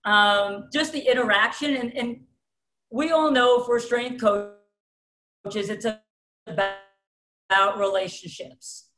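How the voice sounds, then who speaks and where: A middle-aged New York woman with a thick New York accent, a strength coach who calls herself an alpha female, speaks bluntly as a guest in a casual interview over a webcam call from a room at home. Her voice is a little high and she takes it slowly, with long pauses. The recording has roomy video-call echo.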